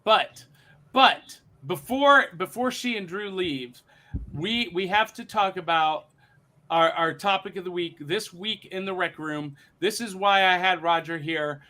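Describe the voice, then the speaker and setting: A man hosting a casual group chat in an excitable, rambling way. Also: sits high, a little slow. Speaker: host.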